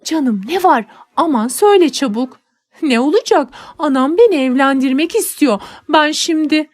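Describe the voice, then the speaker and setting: A woman voicing a distraught young girl who refuses an arranged marriage, speaking high, loud and pleading. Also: lively intonation, moderate pace. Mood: anguished.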